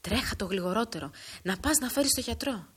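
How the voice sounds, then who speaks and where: A woman's voice: fairly high pitch, animated, a bit bright, slightly rough, pitched above the performer's own voice. A bold, scheming old village woman, voiced by a woman reading the story aloud. She talks firmly and urgently, pressing her listener with confident, persuasive words. A plain, lightly acted storybook voice.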